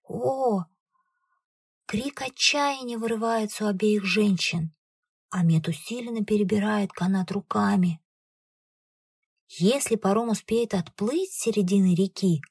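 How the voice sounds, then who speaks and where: A woman reads a tense adventure aloud with a husky, breathy voice. Her telling is dramatic and measured, recorded close and dry. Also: medium pitch, animated, a little mellow, no room sound. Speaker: audiobook narrator. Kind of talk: scripted narration.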